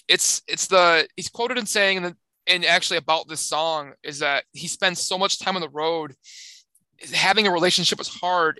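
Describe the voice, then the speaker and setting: A man's voice: fairly high pitch, pushed and bright, no room sound. A young man co-hosting a podcast, chatting loosely and joking, with casual swearing. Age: young adult. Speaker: podcast co-host. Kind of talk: casual chat.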